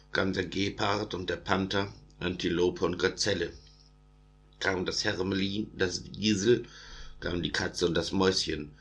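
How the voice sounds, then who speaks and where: Very deep-voiced male narrator. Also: fairly bright tone. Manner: chanting trochaic rhythm. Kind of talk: audiobook verse narration.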